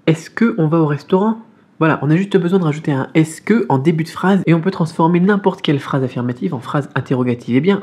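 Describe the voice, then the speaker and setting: Husky-voiced upbeat male language teacher. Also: mid-range voice, darkish tone. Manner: upbeat, enthusiastic explaining; slows to spell out syllables. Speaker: Mandarin teacher. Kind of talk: online language lesson.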